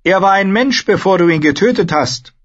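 A man voicing a fierce, loyal young wildling woman in an audiobook, speaking in a raised, forceful voice. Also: sits high, animated, moderate pace, dull audio, pitched above the performer's own voice. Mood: defiant.

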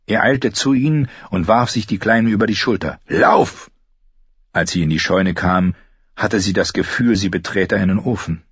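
A man's voice: lowish voice, normal speed, breathy edge, no room sound, lo-fi sound. A man reading a fantasy novel aloud as an audiobook narrator, telling it steadily and raising his voice for the characters' lines.

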